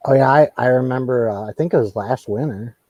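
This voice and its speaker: A man's voice: mid-range voice, a little fast, dark tone, dry recording, rough recording. A man hosting a live comics talk show in casual chat, easygoing and tending to repeat his words as he talks. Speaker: host.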